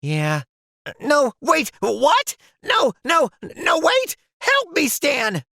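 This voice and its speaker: A man's voice: high voice, sing-song, unhurried, bright, forceful tone, no room sound, studio quality, exaggerated voice. An actor playing a shy, self-doubting young male pen in a cartoon, stammering and anxious. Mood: nervous. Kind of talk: animated cartoon voice acting.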